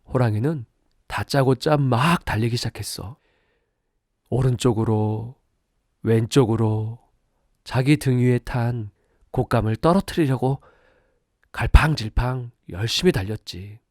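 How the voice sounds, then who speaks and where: A man, a father, telling a gentle bedtime story, slow and often whispered. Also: medium pitch, no echo, studio quality. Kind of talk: soft bedtime story narration, partly whispered.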